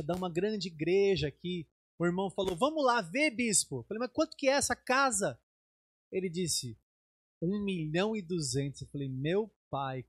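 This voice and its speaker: This sermon testimony comes from a middle-aged Brazilian bishop speaking Brazilian Portuguese, who tells a personal story with animation and acts out the dialogue in a raised voice. His voice is slightly rough, and there is no echo.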